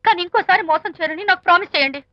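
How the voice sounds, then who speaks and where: An indignant, sharp-tongued wife. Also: female voice, extremely high pitch, very fast. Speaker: young wife, hero's love. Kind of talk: film comedy dialogue. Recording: dull lo-fi film soundtrack with loud music.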